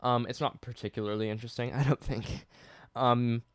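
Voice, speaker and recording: A man's voice: mid-range voice, steady tone, a little fast, no room sound. Man, musician, talks through his own song, chatty and scattered, plays snippets, dry close sound. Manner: rambling, self-interrupting, laughs at himself; stops and restarts to play keyboard and guitar. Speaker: singer-songwriter. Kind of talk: casual song breakdown.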